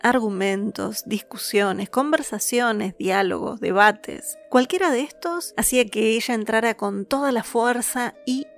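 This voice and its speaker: Woman, storyteller, higher voice, measured dramatic narration, faint music behind. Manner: measured, dramatic, slows on lists and whispers tense moments. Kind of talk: scripted myth narration.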